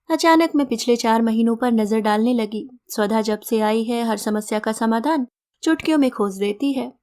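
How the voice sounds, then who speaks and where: A woman storyteller reading a first-person story aloud in a gentle, reflective, measured way. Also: fairly high pitch.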